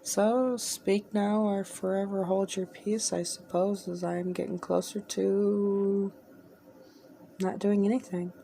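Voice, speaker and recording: A woman hosting a spirit box session, talking in a rambling, halting, exasperated way as she addresses spirits. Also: medium pitch, little pitch movement, creaky, dark tone, a little hiss or hum.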